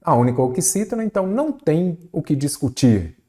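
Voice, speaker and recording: A man teaching Brazilian Portuguese spelling for an exam, asking the viewer many quick rhetorical questions. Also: a little high. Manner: lively, varied pace, rhetorical questions to the viewer. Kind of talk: exam-prep lesson. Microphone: recorded for an online video lesson.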